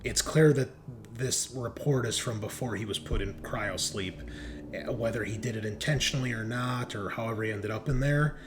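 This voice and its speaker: A male game master spins out narration on the fly for a tabletop RPG, talking casually and pausing mid-thought to work things out. His pitch is medium, and the background is noisy.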